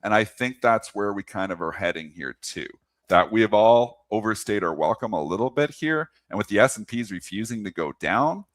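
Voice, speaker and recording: Passionate ranting man, lively pitch. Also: moderate pace, hardly any pauses, no room sound. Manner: passionate, emphatic ranting, repeats points. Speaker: co-host of a market show. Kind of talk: casual market talk.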